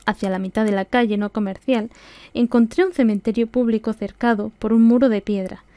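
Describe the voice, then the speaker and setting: A woman's voice: on the high side, steady tone, brisk, dark tone, no room sound. A woman with an Andalusian Spanish accent reads a classic novel aloud as scripted audiobook narration. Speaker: audiobook reader.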